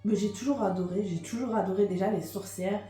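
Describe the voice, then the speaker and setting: A woman's voice: medium pitch, brisk, mellow, reverberant, faint music behind. A woman from Liège with a Belgian French accent, chatting hesitantly in a vlog, with lots of fillers and repetitions. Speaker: vlogger. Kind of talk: casual confessional chat.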